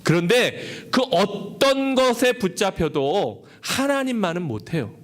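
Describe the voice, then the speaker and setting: A man's voice: sits high, very animated, unhurried. A man preaching a sermon as pastor, earnest and asking his congregation questions. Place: church service held in a cinema hall.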